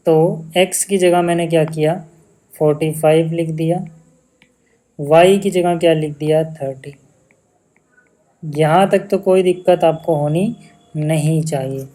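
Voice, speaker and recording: Young male maths teacher, warm and mellow tone, casual and patient, checks in with students often. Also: fairly high pitch, low-quality recording. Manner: casual, keeps checking understanding with questions. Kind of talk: explaining solutions step by step.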